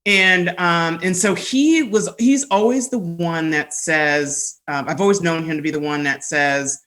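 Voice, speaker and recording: A woman guest on a podcast, telling stories in a rambling, animated way and laughing often. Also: fairly low pitch, unhurried. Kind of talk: casual storytelling conversation.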